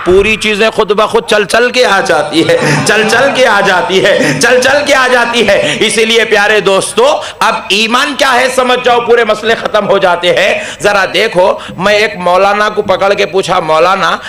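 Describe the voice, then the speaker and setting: High-pitched shouting preacher in echoey hall. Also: male voice, unhurried, few pauses. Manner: repeats phrases, builds to shouted climaxes; addresses crowd directly, invites questions. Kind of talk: devotional sermon.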